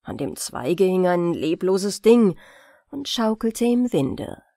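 A woman narrating a fairy tale audiobook in a calm, expressive manner, close to the mic. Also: lowish voice, slow, vocal fry, no room sound. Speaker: audiobook reader. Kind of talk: storybook narration.

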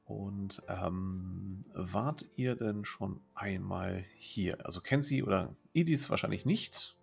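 Man, game master, gravelly creaky voice, hesitant narration, video call, faint music behind. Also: low voice, slow. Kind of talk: narrating a tabletop role-playing game.

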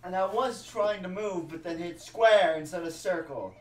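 A man playing a video game with others, with quick, exclamatory reactions. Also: high voice, roomy sound, far from the mic, rough recording. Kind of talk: casual gaming banter.

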